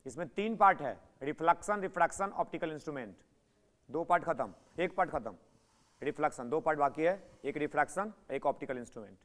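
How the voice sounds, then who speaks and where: Male physics teacher, high pitch, classroom lecture, keeps pushing students to answer. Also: lively intonation, fast, a bit bright. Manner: prodding students to answer, repeating points.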